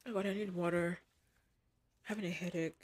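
A woman's voice: on the low side, steady tone, fairly quick. A woman hosting a movie reaction, talking back at the screen in an emotional, exclamatory way.

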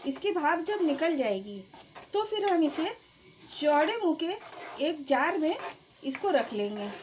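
A woman with a high, very animated voice speaks slowly over background noise in her home kitchen. She hosts a cooking channel, walking through each step of a home recipe plainly in a voice-over and calling her viewers friends.

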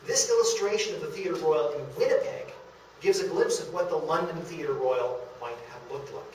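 At a moderate pace and in a slightly high voice, a man gives an illustrated history lecture to an audience in the meeting room of a historic house. The recording comes from a distant camera in the audience and is very echoey, far off and faintly noisy.

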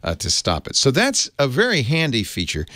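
A man's voice: medium pitch, huge pitch swings, normal speed, pushed and bright, dry recording, clean studio sound. A man hosting a casual tech tutorial, chatty and easygoing, chuckling as he explains. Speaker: host.

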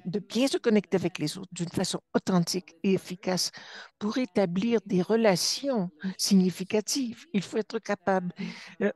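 A woman giving simultaneous interpretation for a webinar, halting and often restarting or correcting herself mid-phrase. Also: medium pitch, dark tone, no room sound.

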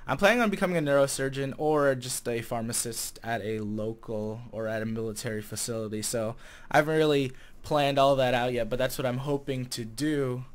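This medium-pitched, fairly quick male voice belongs to a 20-year-old American from the Chicago area, a vlogger and game server staff manager. He talks to camera in a relaxed vlog style, sometimes pausing uncertainly while he works out his thoughts. The setting is a small room in his home, picked up by a desk condenser microphone fitted with a pop filter.

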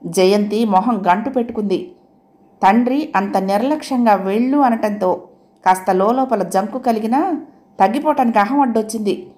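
A woman storyteller reading a novel aloud in a steady, even manner. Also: fairly high pitch, normal speed. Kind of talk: audiobook narration.

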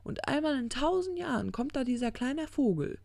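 A reader voicing a tipsy, smug male demon in an audiobook, talking in a halting, slurred ramble that stumbles over its words. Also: high-pitched, animated, creaky, darkish tone, no room sound, clean studio sound, voice pushed up. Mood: insistent. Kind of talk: audiobook character reading.

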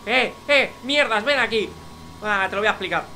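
Young man, Spanish accent from Spain, bright edgy voice, hyped game commentary. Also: high voice, moderate pace, a little hiss or hum. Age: young adult. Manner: excitable, swears and yells at other players. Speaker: gaming YouTuber. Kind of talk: live gaming commentary.

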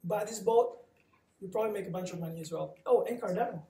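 A man's voice: sits high, fast talker, warm tone. Singapore guy on a panel, punchy and sure of himself, echoey room far from the mic. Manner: emphatic, confident, punchy. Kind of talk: live panel talk. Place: coworking space event room.

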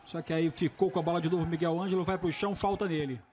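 Brazilian guy calling soccer play by play, high voice, noisy stadium broadcast. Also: fairly even intonation, rapid-fire, darkish tone. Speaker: football commentator. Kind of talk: live football play-by-play commentary. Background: stadium ambience and crowd noise.

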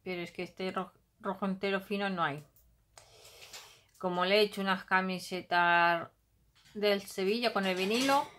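A woman's voice: medium pitch, a bit bright. A middle-aged Spanish woman from the Basque Country chats her way through a craft haul at her table at home. She thinks aloud and hums little filler sounds as she sorts things, speaking in an everyday mid-range voice into an overhead phone camera, with faint background noise. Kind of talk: casual haul commentary.

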